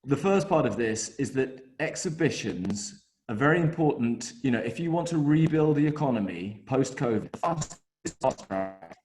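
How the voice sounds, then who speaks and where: A man's voice: mid-range voice, animated, moderate pace, a little mellow, slight background noise, rough recording. A man giving a webinar talk over a video call whose audio keeps breaking up, hesitant with many fillers. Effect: choppy, breaking-up video call audio. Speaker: webinar presenter. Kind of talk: online presentation.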